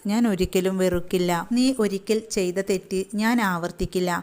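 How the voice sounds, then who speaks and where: A woman voicing a sad but resolute second wife who asks plain, steady questions. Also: on the low side, normal speed, natural voice.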